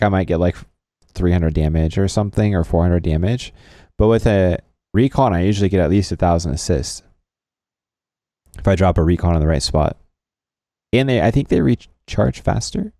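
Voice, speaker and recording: Low, mellow-voiced man co-hosting. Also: dry recording, clean studio sound. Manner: laid-back, joking, chuckles often. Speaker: podcast co-host. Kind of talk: casual gaming podcast chat.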